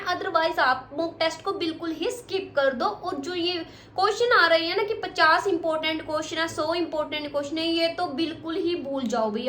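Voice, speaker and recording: A woman's voice: very high voice, pushed and bright, slight background noise. A woman coaching exam students, talking directly and scolding them while repeating her points. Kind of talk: motivational study advice to students. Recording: echoey room with faint ambience.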